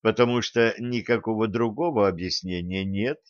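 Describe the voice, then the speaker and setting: A quiet, earnest young lieutenant, voiced by a man. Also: lowish voice, steady tone, no echo, dull audio, lightly acted. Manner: quiet, measured, formal. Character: young earnest male lieutenant, reserved and thoughtful.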